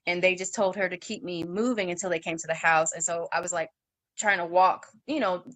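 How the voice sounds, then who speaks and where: A woman's voice: fairly low pitch, no room sound. Young woman telling her story, dry sound. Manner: animated, quotes others in raised voices; halting, with many fillers and restarts. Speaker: guest sharing her story. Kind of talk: casual interview storytelling.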